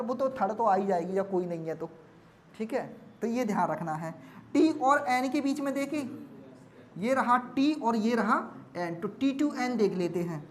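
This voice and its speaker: A woman with a slightly raised pitch works through an exam lesson at a board. She talks in an explaining tone, repeats each step and keeps checking whether her students follow. A faint hiss sits under her voice. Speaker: exam-prep teacher.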